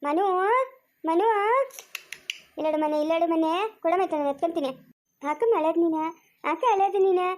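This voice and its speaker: In a homemade family drama, a woman plays a fretful, quarrelsome village woman with a rural Chikkaballapur Kannada accent, scolding, exclaiming and asking the same questions again. Her warm voice is very high, fairly even in intonation, at a moderate pace with long pauses.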